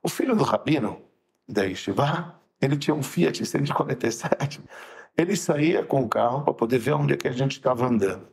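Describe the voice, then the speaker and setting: A man, a rabbi co-hosting a podcast, telling stories in a lively way and acting out the dialogue with sudden high shouts. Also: fairly quick, vocal fry. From Brazil. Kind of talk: casual podcast chat.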